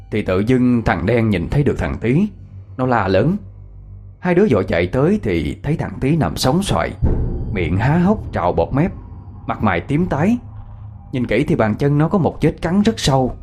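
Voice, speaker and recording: A man narrating a ghost story in an expressive way. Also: mid-range voice.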